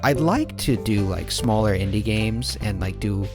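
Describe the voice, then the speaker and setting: A man's voice: on the low side, animated, a little slow. A man commenting over gameplay in a rambling, casual way, full of fillers and restarts, sounding sleepy. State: sleepy, yawning. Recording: clear background music. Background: background game music.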